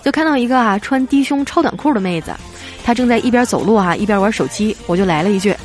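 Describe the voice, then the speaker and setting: A woman hosting a radio-style show, reading listener jokes aloud with playful storytelling and drawn-out particles. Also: mid-range voice, faint music behind.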